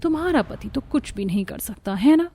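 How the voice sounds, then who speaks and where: A woman with a high, expressive, mellow voice at a moderate pace plays a haughty rich young wife in a moral cartoon story. Scornful and boastful, the character taunts her poor friend.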